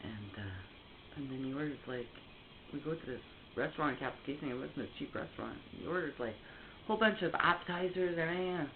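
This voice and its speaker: A woman's voice: sits low, expressive, brisk. Woman ranting over a phone line. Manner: heated, swearing, rambling with restarts. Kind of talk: casual storytelling on a phone call. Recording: tinny phone line, faint hiss.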